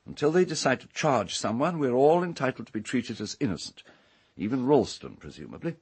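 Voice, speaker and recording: In a radio drama, a male actor plays an urbane, haughty English castle owner, speaking in a pompous, measured, formal way. His voice is husky, mid-range and sing-song, and his mood comes across as cool and pointed.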